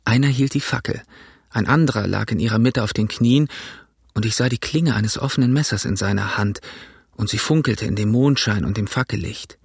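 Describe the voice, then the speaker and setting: Male narrator, husky voice, dry close sound, measured reading. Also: fairly low pitch, no echo. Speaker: audiobook reader. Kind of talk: scripted narration.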